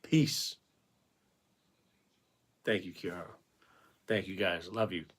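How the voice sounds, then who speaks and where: A man hosting a painting livestream in casual chat. He rambles, answers the chat aloud and thanks viewers by name, and his voice is going a bit hoarse from talking so long. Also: low voice, fairly even intonation, takes it slowly, fairly bright tone. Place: home painting setup with ring light.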